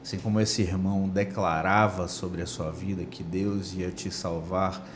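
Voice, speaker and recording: A man with a Brazilian Portuguese accent hosting a church podcast, drawing slow, reflective lessons from his guest's story. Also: low-pitched, little pitch movement, background noise. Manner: brief affirming interjections, slow reflective comments. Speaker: podcast host.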